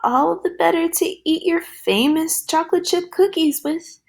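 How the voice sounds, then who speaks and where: A woman voicing a sly scoundrel man who squeaks in a high, funny voice while disguised as a grandmother in a storybook. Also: very animated, moderate pace, a little mellow. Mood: gloating. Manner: gloating cackle.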